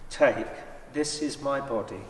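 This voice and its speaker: A man playing Jesus as a solemn, measured, authoritative teacher in a dramatised church scripture reading. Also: mid-range voice, a little hiss or hum, close to an everyday voice. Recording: echoey church hall, far from mic.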